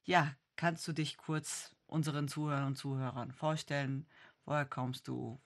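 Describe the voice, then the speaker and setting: A woman's voice: rumbling low, fairly even intonation, moderate pace. A woman in her forties hosting a radio interview, asking friendly, encouraging questions. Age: 40s. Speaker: radio host.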